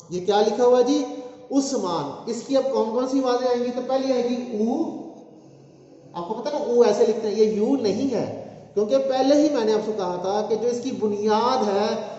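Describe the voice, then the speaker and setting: A man with a very high, mellow voice teaches a language lesson at a steady, patient pace, spelling out sounds one at a time. He keeps checking with the class, then answering his own questions. The recording sits in a big, booming room with a long hall tail. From Pakistan. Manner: patient and repetitive, asking the class quiz questions and answering them himself. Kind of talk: classroom-style lesson explaining how to write names. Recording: very echoey hall sound, dull lo-fi audio.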